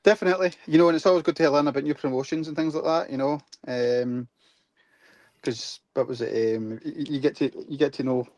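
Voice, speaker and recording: A man in a casual chat, talking haltingly and repeating "eh, what was it". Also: fairly high pitch, fairly even intonation, a little mellow, no echo. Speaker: guest co-host.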